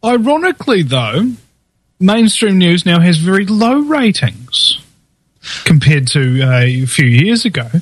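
A man with a broad New Zealand accent chats casually and gives his opinions freely. His voice sits a little high and is recorded very dry. He has a sarcastic streak and slips into imagined dialogue. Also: very animated, unhurried, husky, no room sound.

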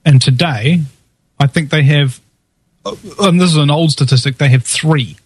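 Man, broad Kiwi accent, slightly high pitch, dry close sound, casual opinionated talk, sarcastic. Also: moderate pace, husky, no room sound. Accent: broad New Zealand. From New Zealand. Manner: sarcastic, acts out imagined dialogue.

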